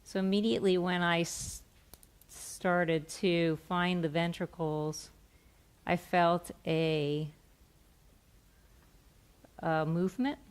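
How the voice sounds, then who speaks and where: A middle-aged woman gently and softly explaining a hands-on therapy demonstration step by step on stage. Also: on the low side, fairly even intonation, slow pace, long pauses, smooth. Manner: gentle, soft-spoken. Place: on a stage in a theatre, indoors.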